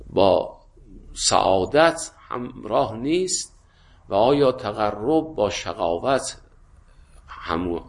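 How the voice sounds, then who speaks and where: A man with an Iranian Persian accent lectures on a classical text in a very low voice. It is creaky and stuffy from a cold, and he moves along deliberately with halting pauses. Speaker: religious philosophy teacher.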